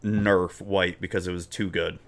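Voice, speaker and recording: A man co-hosts a casual podcast about a card game, speaking a little slowly in a low voice with little pitch movement. He's laid-back and jokey, often trailing off into fillers.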